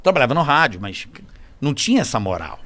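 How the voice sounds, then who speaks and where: Appearing as a podcast guest, a Carioca man from Rio de Janeiro tells casual anecdotes full of swearing and laughter. His voice is mid-range and he talks fast, staying animated throughout the storytelling.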